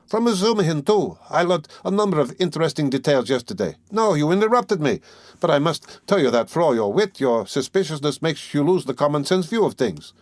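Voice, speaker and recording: A man's voice: fairly high pitch, no room sound, studio quality, voice pushed up, lightly acted. A man voicing a sly, genial middle-aged examining lawyer who talks in a fussy, teasing way, in an audiobook reading.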